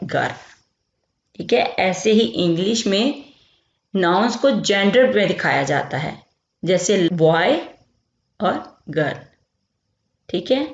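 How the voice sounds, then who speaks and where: A woman from Pakistan teaching a grammar lesson. She explains slowly and keeps checking in as she repeats each term. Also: medium pitch, gravelly. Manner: explains slowly, repeats terms, says "theek hai" often. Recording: lo-fi echoey room.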